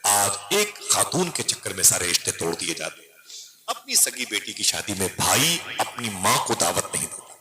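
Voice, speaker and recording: A man's voice: on the low side, very animated, moderate pace, very noisy. A man from northern India with an Urdu-inflected Hindustani accent, telling a story in a sermon at a large gathering and acting out the dialogue with rising, emphatic lines. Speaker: religious speaker at a gathering. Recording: echoey public-address sound.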